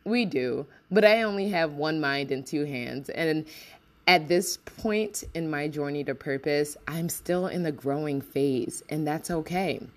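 A woman's voice: sits low, a little slow. A woman hosting a motivational podcast, talking in an upbeat, encouraging way with frequent laughs, recorded muffled under a blanket. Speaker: podcast host.

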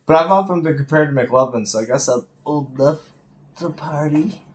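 A man's voice: a little high, moderate pace, crowd noise. A young man in his late twenties talks in a slightly raised voice with a wry, articulate turn of phrase. His words carry a roomy echo, as if from a bare room. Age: 20s. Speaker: podcast guest, actor. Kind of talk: casual chat.

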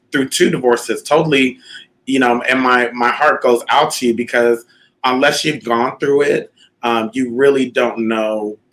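A man's voice: mid-range voice, fairly bright tone, rough recording. A man born in Canada hosting a talk show, speaking in a reflective, casual way with frequent fillers. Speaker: host. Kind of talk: casual chat.

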